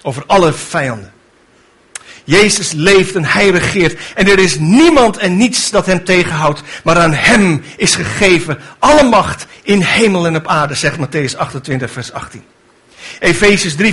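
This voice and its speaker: A man's voice: high voice, fairly bright tone, husky. A man preaching a sermon with fervent delivery, building to emphatic rhetorical questions.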